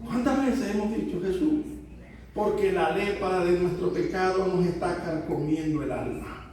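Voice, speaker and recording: Very high-voiced male pastor in an echoey church. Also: moderate pace, far from the mic, crowd noise. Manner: preaching with rhetorical questions to the congregation. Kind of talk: sermon. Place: church sanctuary.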